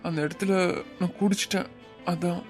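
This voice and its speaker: A man's voice: high voice, level tone, moderate pace, soft background music, close to an everyday voice. A man voicing a heartbroken young student. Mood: troubled. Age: young adult. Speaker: college student. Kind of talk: cartoon voice acting.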